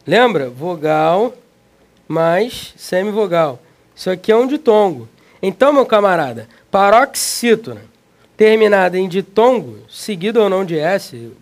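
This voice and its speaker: High-voiced, slangy Brazilian teacher. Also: male voice. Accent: Brazilian Portuguese. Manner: slangy, emphatic, talks straight to the student. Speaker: exam prep teacher. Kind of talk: energetic video lesson.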